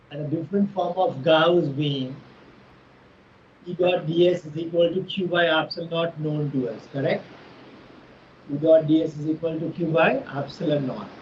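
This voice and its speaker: A man's voice: fairly high pitch, moderate pace, dull audio, slight background noise. A man with an Indian English accent teaching an online physics lesson in formal, roundabout phrasing.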